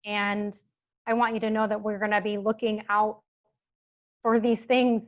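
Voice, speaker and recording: A woman's voice: mid-range voice, little pitch movement, unhurried. A woman speaking sincerely as a talent agent in a town hall on a video call. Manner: sincere, reassuring. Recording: dull lo-fi video call audio.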